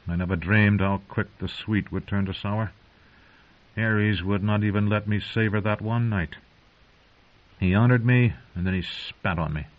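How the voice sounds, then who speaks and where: A man's voice: on the low side, measured pace, natural voice. A man voicing a proud, sardonic captive knight with a dry manner, on a dull lo-fi recording. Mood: bitter. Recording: dull lo-fi audio.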